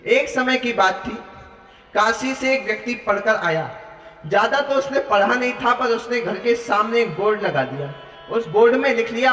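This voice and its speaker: A man's voice: high-pitched, pushed and bright. A man giving a devotional discourse to devotees, telling stories and chanting verses. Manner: addresses listeners as devotees, tells stories, breaks into chanting. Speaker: devotional storyteller preacher. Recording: echoey hall, distant mic, faint music.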